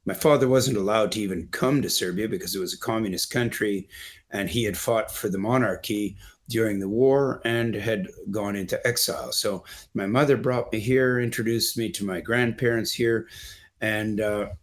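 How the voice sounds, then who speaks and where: A man's voice: on the low side, moderate pace. A middle-aged man from Canada, a guest in an interview, telling long, earnest stories and explaining photos in a discursive way. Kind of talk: storytelling in an interview.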